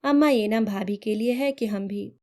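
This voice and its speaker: A woman's voice: mid-range voice, normal speed, mellow, natural voice. A woman voicing a witty, cheeky young sister-in-law in playful banter.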